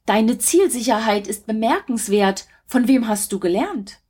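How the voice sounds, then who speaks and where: A sly old guru from a storybook, as a woman reads him, stern and commanding. The voice is a little high and husky in tone. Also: animated, unhurried, warm tone.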